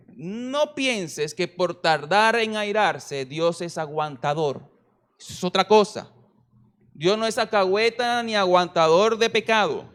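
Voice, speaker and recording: Pastor, male, high-pitched voice, sermon delivery, playful asides, drawn-out emphasis on key words. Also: a bit bright. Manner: humorous, self-deprecating asides.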